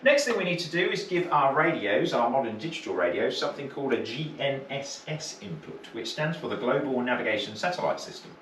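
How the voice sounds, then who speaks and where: Animated and a little fast with few pauses, this British man's mid-range voice has a fairly bright tone. As a marine radio course instructor, he explains informally in steps, adding short questions to check understanding. The recording from an indoor training room is roomy, distant-miked, and faintly noisy.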